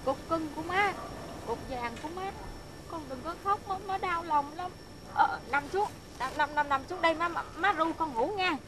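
An actress playing a frail, muddled old grandmother who coos and croons tenderly, with loud noise behind. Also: very high voice. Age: older. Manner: soft, slow, crooning lullaby voice. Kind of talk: comic stage sketch acting.

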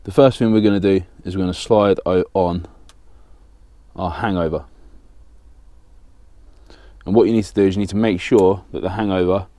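This fishing-channel host, a southern English man in his thirties, speaks in a low-pitched, mellow voice with a steady tone, a moderate pace and frequent pauses, with no echo. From a small indoor studio with a banner backdrop, he works with his hands while giving a plain, practical step-by-step explanation of a rig.

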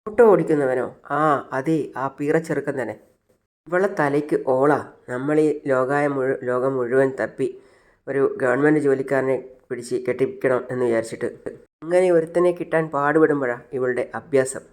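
A man's voice: medium pitch, moderate pace, a little mellow, close to an everyday voice. A man playing a stern, angry father who scolds his grown daughter, in a retold family serial. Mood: angry scolding.

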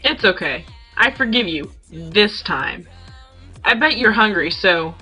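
A woman voicing Hanna, an excitable and teasing young man who hunts ghosts, in a fan audio drama. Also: medium pitch, unhurried, husky, faint music behind, heavily acted, low-quality recording. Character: Hanna, cheerful young male ghost hunter.

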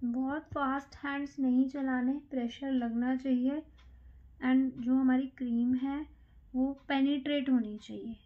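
A woman beautician calmly explaining a facial massage step by step in a salon, counting strokes aloud as she works. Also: high-pitched, measured pace, narrow, tinny audio. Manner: calm, counts strokes aloud while working. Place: salon treatment room.

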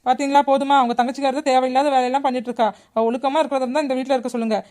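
Woman voicing a rapid defensive daughter-in-law. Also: high-pitched, little pitch movement, a little mellow, lightly acted. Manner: pleading, defensive. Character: grown daughter-in-law, mother, defensive wife.

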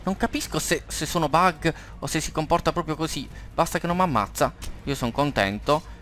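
A man with an Italian accent doing let's play commentary, excitable, swearing and yelling at the game. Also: fairly high pitch, moderate pace. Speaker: gameplay commentator.

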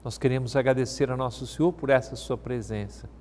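A man with a Brazilian Portuguese accent reads the Gospel in a measured, devotional tone, then gives a short homily. His voice sits at a middle pitch. It carries a long reverberant tail, as if recorded in a large hall. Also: steady tone, a little mellow, a little hiss or hum. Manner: measured, solemn reading with a devotional tone. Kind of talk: scripture reading and short homily.

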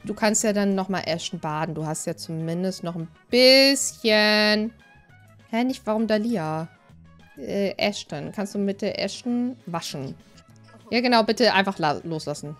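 A woman's voice: medium pitch, lively intonation, a little slow. A woman giving casual let's-play commentary, bossily talking to and scolding her game characters. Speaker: gaming streamer. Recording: faint game music behind.

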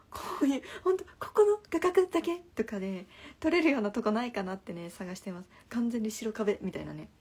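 Husky-voiced young woman chatting on a live stream. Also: mid-range voice. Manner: chatty, drifts often into soft half-whispers. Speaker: livestream host. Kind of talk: casual live-stream chat answering comments. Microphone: phone.

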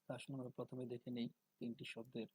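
A man giving a spoken lesson on pronunciation, slow and deliberate, drawing out syllables to demonstrate them. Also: mid-range voice, completely flat delivery, a little mellow, slightly rough, no room sound, poor audio. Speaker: religious teacher.

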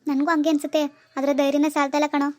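A woman's voice: high-pitched, flat delivery, racing, no echo, clean studio sound, natural voice. A woman voicing a timid, lovesick young village man in a cartoon, hesitant and gloomy. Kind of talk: cartoon dialogue.

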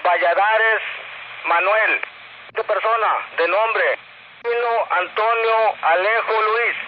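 A man dictating an incident report over a two-way radio as a police officer, haltingly and repeating phrases. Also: high voice. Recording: dull, noisy two-way radio transmission.

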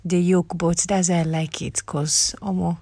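A woman's voice: on the low side, level tone, normal speed, very noisy. A young woman with a Nigerian English accent, chatting playfully to her vlog camera and slipping into pidgin phrases. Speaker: vlogger. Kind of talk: casual vlog chat to camera.

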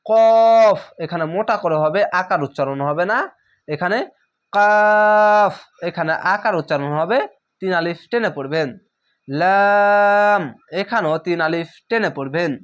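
His voice is on the high side, fairly bright, lively in intonation and a little fast. He teaches a recorded beginner reading lesson, patiently repeating instructions, sounding out letters individually, and checking in with learners through direct questions.

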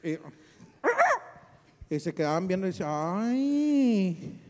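A man's voice: high voice, a little fast, big-room sound. A man, a clown comedian, telling a comic story and imitating the voices of the people in it. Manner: lively, imitates other voices in his story.

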